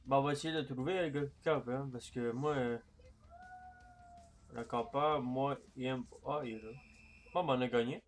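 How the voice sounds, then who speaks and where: A man commenting on his own gameplay in a casual, crude and joking way, going from shouts to mumbles. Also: medium pitch, fairly even intonation, moderate pace, pauses often, soft background music. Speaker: gaming YouTuber.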